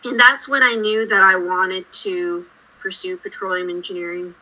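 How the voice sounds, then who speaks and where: Bright-voiced woman guest in her late twenties. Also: medium pitch, fairly even intonation, rough recording. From India, raised in Houston. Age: late 20s. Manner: measured, explanatory storytelling. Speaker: guest engineer. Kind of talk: podcast interview.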